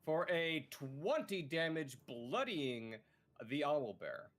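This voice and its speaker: Lively swearing man running the game. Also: a little high, slow, a little hiss or hum. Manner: animated, swears freely, narrates combat. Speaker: dungeon master. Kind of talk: running a tabletop game, casual.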